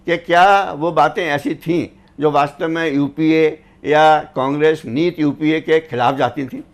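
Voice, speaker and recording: Measured, reflective male panelist. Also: on the high side, steady tone. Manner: measured, reflective, quotes couplets and sayings. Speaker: panelist, former government officer. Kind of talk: studio panel discussion.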